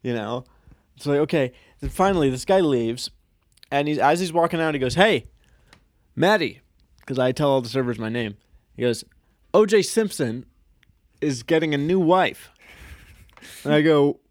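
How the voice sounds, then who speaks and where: A man's voice: mid-range voice, normal speed, pauses often, dry recording. Swearing man telling a story, dry sound. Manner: animated, swears freely, acts out quotes. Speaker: podcast co-host. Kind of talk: casual storytelling chat.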